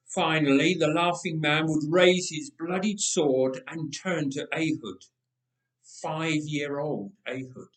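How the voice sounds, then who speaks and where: In a roomy, echoing church, a man whose voice is a little high reads a Bible story aloud in a dramatic way. His delivery features deliberate, expressive phrasing and emphatic repetition.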